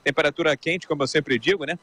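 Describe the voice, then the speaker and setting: A man's voice: on the high side, steady tone, fast, pushed and bright. Chatty Rio man reporting from street. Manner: chatty, addresses the anchor by name. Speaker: field reporter. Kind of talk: live news report. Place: city street outdoors. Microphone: handheld mic close up.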